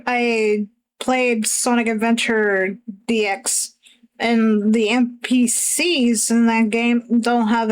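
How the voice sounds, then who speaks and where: A woman streamer chatting casually while she draws, hesitant and self-conscious, with many pauses and fillers. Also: fairly high pitch, poor audio. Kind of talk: casual chat while drawing.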